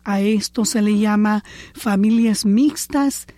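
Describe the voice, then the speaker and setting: A woman hosting a talk show, introducing the topic in a calm, scripted, measured way. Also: mid-range voice, no room sound. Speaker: host.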